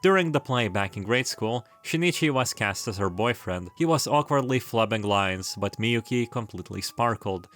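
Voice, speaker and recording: A video essayist with a lowish, somewhat bright and expressive voice offers casual retrospective narration full of wry asides and rambling commentary. He keeps a moderate pace with few pauses, and music plays behind him.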